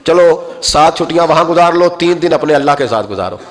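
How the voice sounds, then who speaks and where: A man's voice: a little high, lively intonation. A man with a Pakistani Urdu accent giving a sermon, telling stories that climb to emotional peaks. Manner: storytelling with rising emotional peaks. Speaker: preacher.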